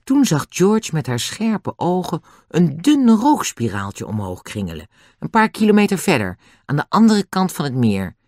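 A narrator reading a children's storybook aloud. The delivery is expressive, with a pitch that rises and falls a great deal. The recording is dry and close. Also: moderate pace, no room sound. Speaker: audiobook narrator.

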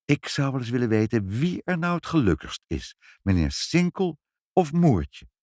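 A calm, kindly father from a children's storybook, talking persuasively with a lively, rising and falling voice, as a man reads him. The sound is dry and close. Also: mid-range voice, moderate pace, dry recording, pitched above the performer's own voice, close to an everyday voice. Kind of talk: children's audiobook reading.

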